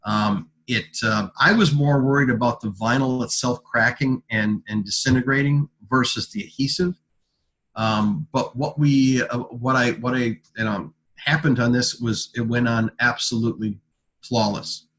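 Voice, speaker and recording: A man with a mid-range voice presents products in an informal sales talk. His delivery is halting, and he often repeats a word or phrase before carrying on. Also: mid-range voice, steady tone, a bit bright, poor audio. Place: conference call.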